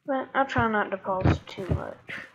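A woman's voice: mid-range voice, huge pitch swings, measured pace. A woman rambling casually through a Minecraft let's-play, self-correcting as she goes and losing her voice. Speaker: gaming YouTuber. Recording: dull lo-fi mic with clear background noise.

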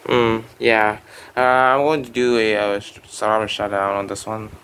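A young phone-collector vlogger, a native Vietnamese speaker, shows off his items from a bedroom at home, rambling informally with frequent fillers and restarts. His lowish voice is a bit bright, with little pitch movement, a moderate pace, and slight hiss or hum.

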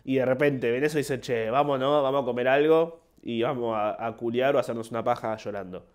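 A man's voice: mid-range voice, fast, a little mellow. Rambling young Argentine man. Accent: Argentine Spanish. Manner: rambling, self-mocking, acts out short quoted voices. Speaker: podcast host and comedian. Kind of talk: casual monologue.

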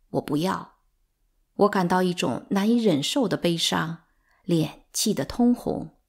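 A woman narrating a novel as an audiobook reader, in measured, expressive storytelling. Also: lowish voice, husky.

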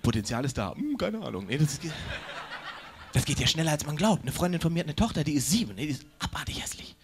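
A man doing a stand-up routine on stage, brash and mocking, with quick asides to the crowd. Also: fairly high pitch, sing-song. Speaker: stand-up comedian. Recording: live stage with faint background noise.

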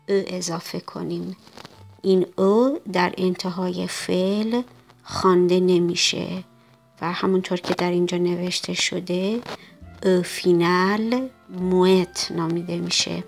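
A woman teaching a French lesson, reading French words slowly and then translating each one. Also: lowish voice, vocal fry. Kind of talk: recorded language lesson.

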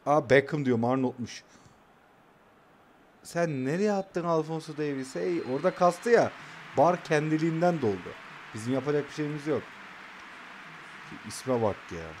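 A man's voice: a little high, animated, moderate pace, pauses often, darkish tone, slight background noise. A young man casually commentating his own football video game match, calling out passes and trash-talking his opponent.

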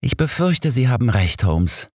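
A man voicing a brisk, motherly housekeeper who scolds two quarreling old men. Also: mid-range voice, sing-song, darkish tone, no room sound, clean studio sound, voice pushed up. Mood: bossy. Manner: bossy, firm.

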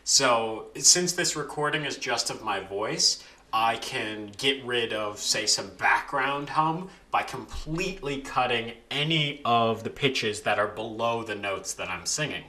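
A young man casually talking through how he edits recordings of his own singing, relaxed and with frequent restarts. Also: medium pitch, a little slow. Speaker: video creator explaining vocal editing. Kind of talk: casual voice-over tutorial.

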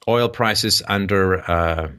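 Male call-in host, low but forceful and sharp, lecturing with sarcastic asides. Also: slow pace, clear, resonant tone. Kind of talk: explanatory monologue to a caller.

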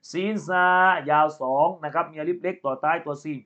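A man with a high voice teaches recitation of Arabic verses, sounding out each letter before chanting them slowly in melody. The sound is thin and tinny, like a phone line. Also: fairly even intonation, a bit bright. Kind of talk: tajweed lesson, spelling out and explaining letters.

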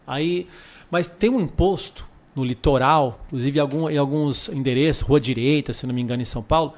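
A man's voice: fairly high pitch, fairly quick, darkish tone. A Brazilian man with a Brazilian Portuguese accent hosting a casual talk, chatting in a rambling way with many fillers. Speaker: host. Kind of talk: casual chat.

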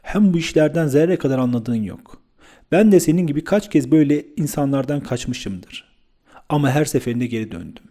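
Guy doing a loud bossy young friend, scolding, mellow voice but pushed louder. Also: fairly high pitch, expressive, normal speed. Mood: impatient. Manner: forceful, scolding, raised voice. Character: young man, loud, blunt, hot-tempered friend.

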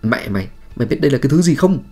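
A man's voice: lowish voice, very animated, a little fast, slightly rough, faint music behind, full character voice. A man voicing a tough, fierce older woman exorcist who barks harsh orders in a radio horror story.

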